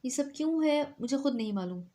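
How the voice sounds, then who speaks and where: Brooding proud young man, confrontational, lightly higher tone, read by a woman. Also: expressive, dark tone. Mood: earnest. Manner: confrontational, then earnest. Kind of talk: storybook reading.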